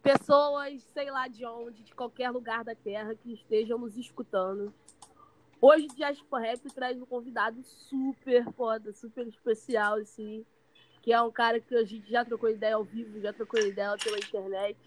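A woman hosting a casual interview podcast, enthusiastic and upbeat, with quick interjections of approval. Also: fairly high pitch, fairly even intonation, poor audio. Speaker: podcast host.

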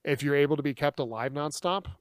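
A young man co-hosting a casual podcast, talking in loud, rambling bursts of mock outrage. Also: fairly high pitch, fast talker, clear, resonant tone, no room sound, clean studio sound. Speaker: podcast co-host. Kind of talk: casual chat.

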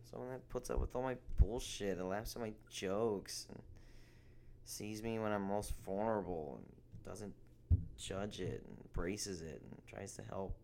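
A man's voice: on the low side, creaky, background noise. A young man hosting a casual solo podcast, rambling and swearing, with a sarcastic streak. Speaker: podcast host.

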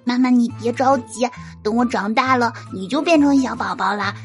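A woman's voice: on the high side, moderate pace, close to an everyday voice. A woman voicing a curious, innocent little boy who asks earnest questions, with music behind.

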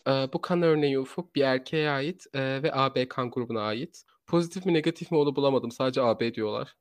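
A man's voice: mid-range voice, fast, no room sound. A man hosting a true crime podcast in a conversational way, often repeating and rephrasing his sentences as he searches for words.

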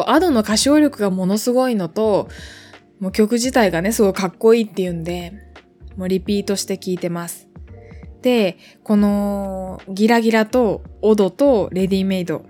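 A woman in her twenties hosts a casual solo podcast, her mid-range voice carrying a darkish tone. She rambles along with plenty of fillers and asides.

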